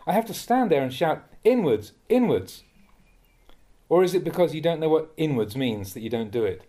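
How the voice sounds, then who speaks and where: Mellow-voiced monk reading a stern talk. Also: male voice, on the high side, expressive. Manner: measured and admonishing, rising sharply when scolding. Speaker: monk reading teachings aloud. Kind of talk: reading a Dhamma talk aloud. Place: monastery.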